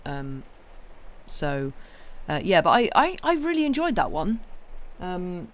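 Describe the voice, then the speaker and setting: A young woman who reads stories on livestream chats casually with her viewers in a croaky, hoarse voice. It sits fairly low with big swings in pitch, and she rambles haltingly, full of ums and restarts, sounding friendly and apologetic.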